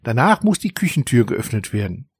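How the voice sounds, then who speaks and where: A man voicing a sly male mouse leader in a children's audiobook, speaking in a hushed, conspiratorial tone. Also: mid-range voice, big pitch swings, brisk, breathy edge, no room sound, studio quality. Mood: hushed scheming.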